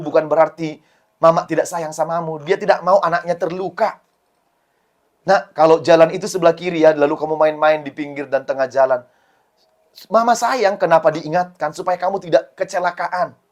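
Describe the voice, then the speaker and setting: Guy preaching sunday school to kids, kinda high voice, repeats himself gently. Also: steady tone, brisk, highs cut off. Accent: Indonesian, Medan. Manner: acts out prayers and quotes in a raised, pleading voice; explains gently in short repeated phrases to children. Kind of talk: children's sermon.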